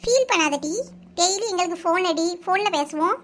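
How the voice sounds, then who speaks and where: Woman cartoon voice artist with a Kanyakumari Tamil accent; very high, bright, fast and bossy. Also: animated. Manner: brisk, bossy village chatter. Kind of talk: cartoon voice acting.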